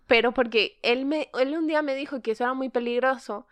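Lively woman telling travel stories. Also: high voice, a little fast, clean tone, no echo. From Spain. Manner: animated storyteller, acts out quoted dialogue. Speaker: podcast co-host. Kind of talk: casual chat among friends.

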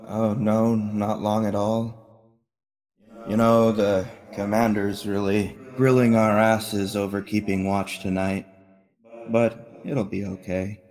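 A man's voice: on the low side, level tone, takes it slowly, a little mellow. A man voicing the ghost of a soldier, lonely and friendly, with a casual, chummy ghost voice. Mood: chummy, reassuring.

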